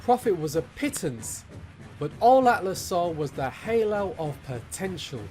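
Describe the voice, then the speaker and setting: Male, higher-pitched, wry small-town undertaker, acted by a man, florid wording, sardonic, animated dub. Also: a little slow, soft background music. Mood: wry storytelling. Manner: wordy, theatrical, sardonic delivery. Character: wry, grandiloquent male undertaker and bootlegging accomplice. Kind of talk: animated fan dub acting.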